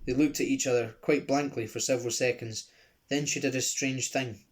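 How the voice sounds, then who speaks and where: A man with a Glasgow accent reading a children's book aloud, expressive, with chatty asides. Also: mid-range voice, moderate pace. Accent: Scottish (Glasgow).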